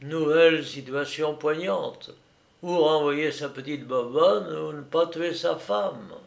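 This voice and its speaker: A man's voice: fairly high pitch, slow, vocal fry. A man narrating a comic story with theatrical delivery, voicing characters with sudden outbursts. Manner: theatrical, voices characters with shouts and sudden bursts.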